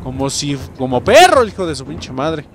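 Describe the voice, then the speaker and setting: A young man with a Mexican Spanish accent giving excitable, profanity-filled commentary while he plays a game, often breaking into sudden yelps and shouts. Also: on the high side, moderate pace, over music. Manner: excitable, swears a lot, jumps to yelps and shouts. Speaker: gaming channel host. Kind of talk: casual gameplay commentary.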